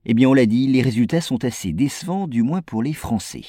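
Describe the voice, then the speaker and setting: A man from France reads a scripted news piece to his viewers, explaining it clearly. His voice is mellow and darker in colour, with a very animated pitch. The sound is dry and close. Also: fairly quick, no echo. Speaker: presenter.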